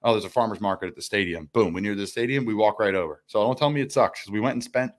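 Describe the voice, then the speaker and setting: A man with a somewhat low voice hosts a relaxed conversational interview. He riffs enthusiastically, jumping between quick asides and examples. He sounds like he's in his twenties. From United States. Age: 20s. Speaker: podcast host. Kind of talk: casual interview chat.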